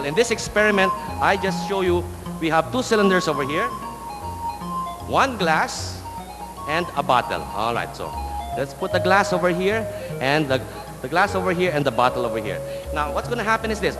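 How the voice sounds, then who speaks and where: A man with a Filipino accent doing playful, showy comedy magic patter like a kids' party magician on stage. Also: high voice. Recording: echoey hall sound, music behind.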